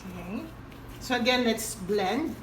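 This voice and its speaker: A woman's voice: on the high side, takes it slowly, slight background noise. A woman hosting a painting tutorial in a chatty, giggly, casual way, with slightly awkward articulation from braces just being removed. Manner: chatty, giggly, self-correcting. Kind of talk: casual hands-on tutorial talk.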